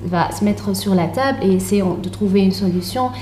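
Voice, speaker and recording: A young Tunisian woman, an author and translator whose first language is Arabic, answers interview questions conversationally. Her mid-range voice is mellow, and her delivery is hesitant and halting, with repeated words. The room sounds echoey, with faint background noise.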